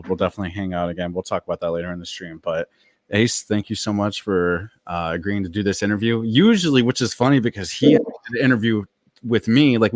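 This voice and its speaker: A man hosting a casual livestream interview, chatty and upbeat, with plenty of "like" and fillers. His voice is on the low side. The sound is dry, with no room echo.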